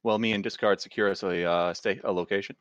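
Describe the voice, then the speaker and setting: A man's voice: fairly low pitch, fairly even intonation, fast talker, fairly bright tone, dull audio. A man playing a tabletop role-playing game, making wry jokey asides. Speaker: player. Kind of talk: tabletop role-play chat.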